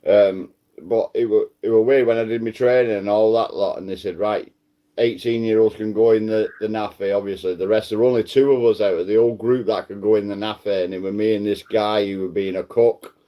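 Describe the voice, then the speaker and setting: A low-voiced man chats casually among friends. He rambles, repeats himself and mocks himself openly. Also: steady tone, fairly quick, dull audio. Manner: rambling, repeats "you know what I mean", self-deprecating.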